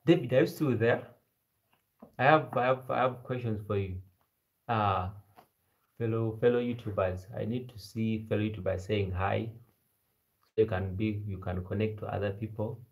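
A man in his twenties with a Kenyan-sounding East African accent, chatting casually and haltingly as a live stream host, repeating his phrases. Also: fairly low pitch, steady tone, rough recording. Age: 20s. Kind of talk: casual live chat with viewers. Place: small bedroom indoors. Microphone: phone at arm's length.

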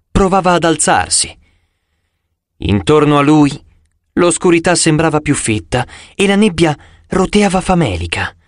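A man reading a first-person audiobook narration in an expressive storytelling manner. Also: fairly high pitch, dry recording, clean studio sound.

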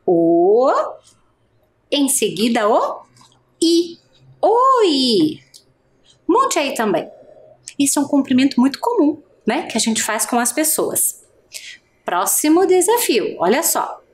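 A woman's voice: high-pitched, sing-song, a little slow. A woman teacher giving an adult literacy lesson, speaking patiently and stretching out each vowel sound.

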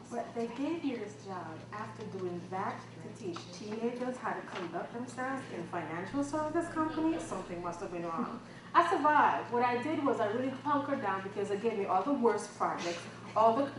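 A woman from the Caribbean giving a humorous motivational talk at a conference, telling self-mocking stories and acting out dialogue. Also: on the high side. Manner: lively storytelling, self-mocking, acts out quoted dialogue. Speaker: keynote speaker. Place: conference hall. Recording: echoey hall from far off with background noise.

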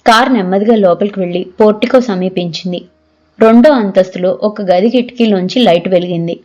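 Mellow-voiced woman reading a novel aloud. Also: mid-range voice, fairly quick, muffled recording. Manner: steady storytelling, voices each character lightly. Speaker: audiobook narrator.

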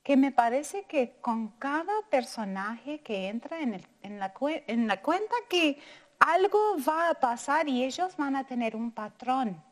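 High-voiced teacher reading a story slowly. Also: female voice. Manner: slow, expressive, asks children questions. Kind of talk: storybook read-aloud for children.

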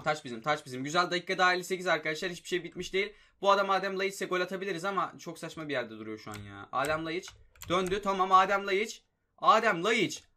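A young man giving live commentary on his football video game, excitable and prone to frustrated outbursts, with keys clicking behind him. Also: high-pitched. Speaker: gaming YouTuber.

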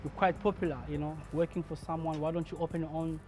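A man from Congo in his thirties, a barber telling his own story in a documentary interview, earnest and measured. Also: on the high side, flat delivery, mellow, soft background music. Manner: earnest, measured, acts out remembered dialogue. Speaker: barber and shop owner.

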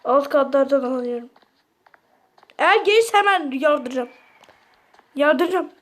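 Very high-voiced panicky woman gamer. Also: animated, unhurried, fairly bright tone. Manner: panicky, screams and pleads at the monster. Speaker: gameplay streamer. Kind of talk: horror game let's-play commentary. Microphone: mic held to her ear.

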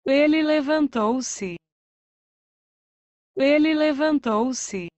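Slow, high woman's voice reading phrases. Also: darkish tone, no room sound. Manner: says each phrase twice, carefully. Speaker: language lesson voice.

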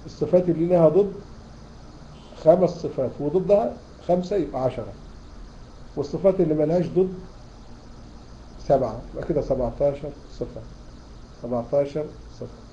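A man's voice: a little high, a little fast, pauses often, dark tone, muffled recording, slight background noise. A man with an Egyptian accent teaching tajweed in an online lecture, asking his students questions and repeating key terms. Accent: Egyptian Arabic. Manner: explains in a questioning, repeating style. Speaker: Quran recitation teacher.

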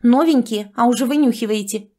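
A woman's voice: on the high side, a little fast, mellow, voice pushed up, close to an everyday voice. A woman doing a snappish, spiteful maid. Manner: snappish, scolding. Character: rude castle maidservant, snappish and spiteful.

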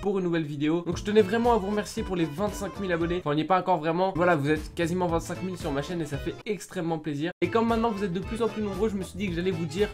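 A young man with a slightly high voice rattles through casual commentary at a brisk clip. He mocks himself, laughs often and swears without a second thought. Faint music plays quietly behind him. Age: young adult. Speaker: gaming YouTuber.

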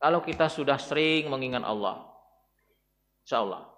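A man preaching a dawn sermon to a mosque congregation, swinging between loud exhortation and hushed, tender calls. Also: medium pitch, animated, normal speed, long reverb tail. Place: large mosque.

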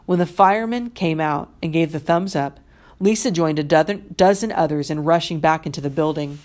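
A woman teacher reads a novel aloud to her class. Her voice sits low and deep for a woman. She reads in a measured, expressive way, giving the story its weight.

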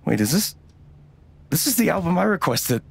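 A man's voice: mid-range voice, animated, normal speed, lightly acted. An actor playing a young adult man who jokes with and teases his sibling in easy banter. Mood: playful. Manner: joking and teasing, warm banter. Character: teasing, goofy young adult brother. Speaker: older brother.

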